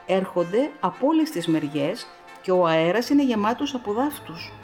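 A woman's voice: mid-range voice, very animated, a little mellow, faint music behind, lightly acted. A woman reading as a trembling, terrified old scholar. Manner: fearful, trembling. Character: terrified old male scholar seeing visions.

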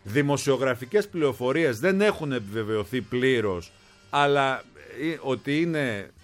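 Over a faint music bed, a male radio co-host trades playful banter, his voice jumping up and down in pitch for animated emphasis. He teases his partner and drives home big comic points.

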